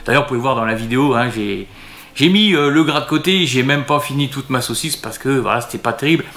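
A man's voice: mid-range voice, fast, a bit bright, roomy sound. A man talking casually to camera as a restaurant vlogger, hesitant and full of fillers and restarts.

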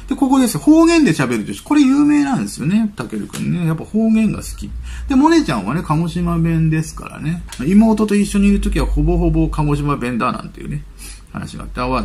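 A man hosting his own channel reads celebrity news items aloud in a fairly high, creaky, husky voice with a darkish tone. He keeps breaking off into chatty, musing asides.

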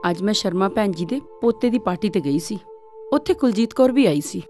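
An actress playing a jealous, complaining village wife who insists on being heard. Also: female voice, mid-range voice, expressive, brisk, dark tone, close to an everyday voice. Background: film score music.

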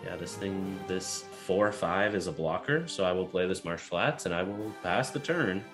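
A man's voice: deep voice, normal speed, over music. A man playing a card game who makes sarcastic quips and swears at bad luck. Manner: sarcastic, swears, mock self-pity. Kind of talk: casual gameplay chat.

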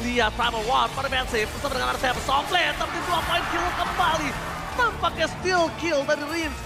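Very high-pitched, hyped male game announcer. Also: steady tone, creaky, over a noisy crowd. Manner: hyped fighting-game announcer delivery, drawn-out shouts. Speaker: esports shoutcaster. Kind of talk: excited esports play-by-play commentary. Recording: loud music behind the commentary.

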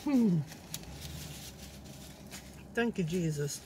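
A woman's voice: fairly low pitch, expressive, very slow, darkish tone, slight background noise. A woman vlogger chatting casually to viewers from her parked car while chewing her food, rambling about her day. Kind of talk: casual eating vlog chat.

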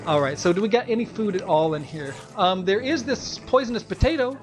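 A man's voice: high voice, expressive, brisk, faint music behind. Rambling, jokey man gaming. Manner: rambling, self-mocking, laughs often. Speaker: Let's Play co-host. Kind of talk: casual gameplay chat.

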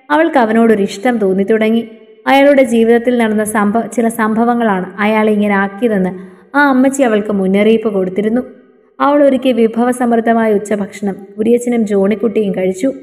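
A woman storyteller narrating a scripted story in a steady, even reading. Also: a little high. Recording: long reverberant echo.

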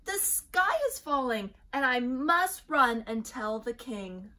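A woman voicing an excitable, panicked little female chick in a storybook, with emphatic, drawn-out alarm. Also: high voice, exaggerated voice. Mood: alarmed, urgent.

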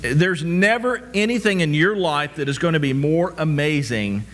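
This middle-aged pastor preaches from a church stage as he moves about, repeatedly posing rhetorical questions and frequently stammering as he restarts. He has a fairly high, fairly bright voice with lively intonation at a moderate pace.

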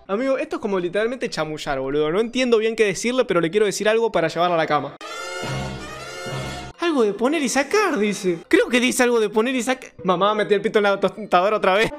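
A man's voice: sits high, a bit bright. A young Argentine man casually commenting on a game he plays, slangy, swearing and saying "boludo" a lot. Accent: Argentine Spanish. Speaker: gaming streamer. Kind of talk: casual let's-play commentary.

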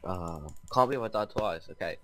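A Minecraft let's play host chats casually with a friend while they build, swearing freely. His lowish voice moves at normal speed and sounds pushed and bright.

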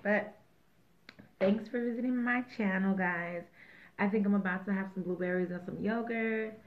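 A woman's voice: mid-range voice, moderate pace. A woman hosting a mukbang video, chatting casually and rambling with jokes between bites. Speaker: mukbang host. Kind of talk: casual chat while eating. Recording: tinny phone-like sound.

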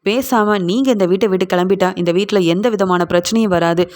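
A woman's voice: medium pitch, fast, a little mellow, close to an everyday voice. A woman voicing a defiant daughter-in-law. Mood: reproachful. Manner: firm, reproachful, lecturing. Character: defiant middle-aged woman scolding her mother-in-law. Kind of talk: retelling a TV serial scene.

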